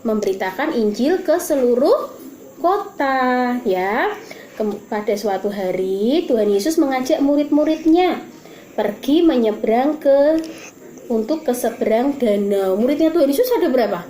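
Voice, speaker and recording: A woman teaching Sunday school, telling a story to children in a lively way and asking them questions. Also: high-pitched, measured pace. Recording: echoey room with faint noise.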